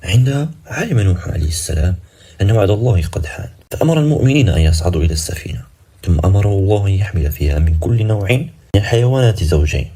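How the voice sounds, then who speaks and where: A man tells a dramatic story in a deep, husky voice with a dark, mellow tone. He narrates briskly and builds suspense, closing each part on a teasing question. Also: very animated.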